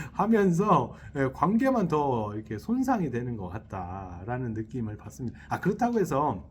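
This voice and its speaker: A man's voice: mid-range voice, a little hiss or hum. A man, a Buddhist monk, giving a dharma talk who keeps questioning his listeners and chuckles as he acts out inner thoughts. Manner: lively, asks the audience questions and checks in often; chuckles while acting out little inner voices. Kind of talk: sermon. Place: temple hall. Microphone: selfie-style camera.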